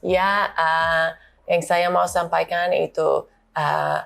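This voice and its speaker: Female interview guest, native English speaker with American accent, speaking Indonesian as a foreigner, halting, somewhat low and creaky. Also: little pitch movement, fairly bright tone. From Boston, United States. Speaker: cultural attaché, interview guest. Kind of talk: interview answers.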